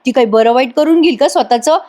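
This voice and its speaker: A woman voicing a fretful, excitable young man who keeps calling out to his friend. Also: high-pitched, fast, lightly acted.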